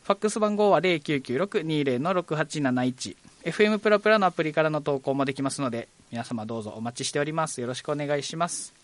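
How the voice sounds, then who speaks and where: A man's voice: a little high, quick pace, few pauses, no echo. A man hosting a live local radio talk show, polite and chatty with frequent fillers. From Kagoshima, Japan.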